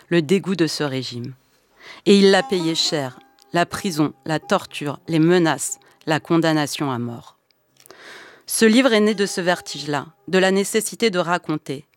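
A woman from Iran, a comic author being interviewed, answering with many hesitations and fillers. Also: on the low side. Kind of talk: interview answers, reading aloud.

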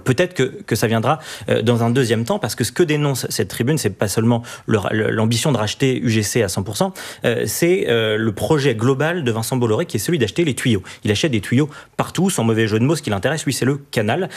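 A male panelist on a radio debate show, talking very fast. He piles up points in dense runs and often restarts his sentences. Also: mid-range voice. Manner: rapid, dense argument with frequent restarts.

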